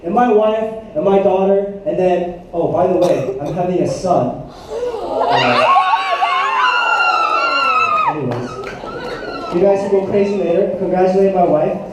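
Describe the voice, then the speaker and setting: Animated pastor in an echoey hall. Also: male voice, high voice, moderate pace, heavy background noise. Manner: animated storytelling, asks the room for responses. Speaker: youth pastor. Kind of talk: sermon. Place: church hall. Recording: echoey hall, mic at a distance.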